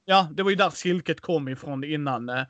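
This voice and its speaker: A man co-hosting a casual board game news chat, animated and joking, with sarcastic asides. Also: on the high side, no room sound, muffled recording. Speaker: podcast co-host.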